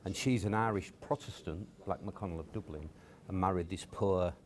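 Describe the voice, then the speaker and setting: Deep-voiced man telling stories. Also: normal speed, slight background noise. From Cottingham, near Hull, England. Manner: hesitant, many fillers and restarts. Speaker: guest. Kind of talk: casual storytelling interview.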